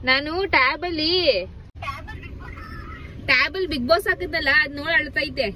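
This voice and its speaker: A woman's voice: sits high, normal speed, bright, forceful tone, a faint crowd, slight background noise. A young woman vlogging casually with her family, talking straight to her viewers as friends. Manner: chatty, addresses viewers as friends.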